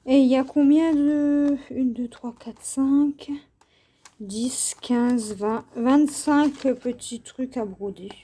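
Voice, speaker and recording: A woman from France hosting a casual craft vlog, taking her time over each item. Her voice sits a bit high but sounds soft and mellow. She hesitates often, filling gaps with small fillers as she goes. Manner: unhurried, hesitant with many fillers. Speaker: craft channel host. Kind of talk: casual show-and-tell vlog.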